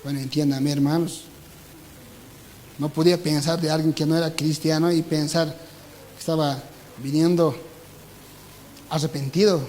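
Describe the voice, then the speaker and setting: Bolivian pastor preaching in a high voice. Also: male voice, level tone, a little slow, pauses often, a little mellow, slight background noise, low-quality recording. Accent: Bolivian Spanish. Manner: preaching, acting out the quoted voices in the stories. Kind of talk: sermon.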